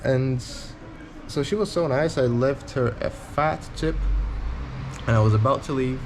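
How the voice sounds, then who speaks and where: A man's voice: mid-range voice, measured pace, background noise. A man in his twenties talking casually to camera in a travel vlog, candid and rambling, with a blunt edge. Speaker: touring cyclist vlogger.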